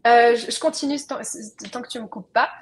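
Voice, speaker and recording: A woman's voice: on the high side, fairly even intonation, brisk. A young woman presenting a webinar as a trainer, explaining in a conversational way and speaking straight to her audience over a video call.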